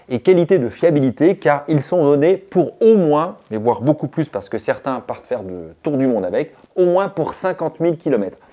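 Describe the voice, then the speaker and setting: A man's voice: mid-range voice, warm tone. A man hosting a cycling channel, giving a chatty gear review and explaining step by step to his viewers.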